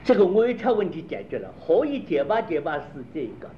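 A man's voice: high voice, big pitch swings, brisk. A man explaining a problem, repeatedly quizzing his listeners with rhetorical questions. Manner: rhetorical questions, drilling points. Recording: dull lo-fi recording with faint noise.

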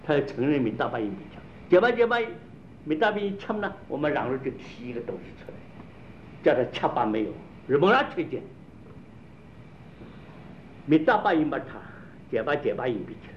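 A man's voice: on the high side, very animated, a little fast, long pauses. A man explaining a problem, repeatedly quizzing his listeners with rhetorical questions. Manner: rhetorical questions, drilling points. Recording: dull lo-fi recording with faint noise.

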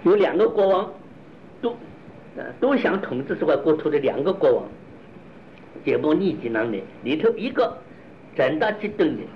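In this lecture on Buddhist doctrine, a male philosophy teacher halts, starts phrases over, and asks his audience rhetorical questions. His voice runs a bit high for a man, and the lo-fi recording sounds dull with a faint hiss.

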